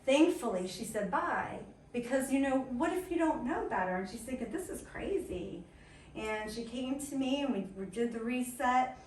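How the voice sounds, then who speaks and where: An upbeat woman wellness coach tells stories to a small audience in a chatty, quick style. Her voice sits a little high. She is picked up from some distance in a roomy, echoing space. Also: lively intonation, darkish tone, a little hiss or hum. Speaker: wellness coach giving a talk. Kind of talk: lively storytelling presentation. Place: indoor event room at a chiropractic office. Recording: echoey room from a distance, faint ambience.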